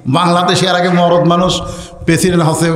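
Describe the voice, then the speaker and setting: Male preacher from Bangladesh, high-pitched, dramatic storyteller, boomy reverberant hall. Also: level tone, a little fast. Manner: dramatic storytelling, acting out quoted voices, calls to the crowd. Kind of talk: Bengali waz sermon. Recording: echoey hall with long reverb.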